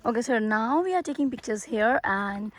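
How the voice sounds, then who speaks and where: A woman's voice: fairly high pitch, expressive, moderate pace. Chatty upbeat woman vlogging outdoors. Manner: chatty, upbeat, lots of fillers and restarts. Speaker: travel vlogger. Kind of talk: casual travel vlog narration. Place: outdoors, walking around a hilltop castle and lake.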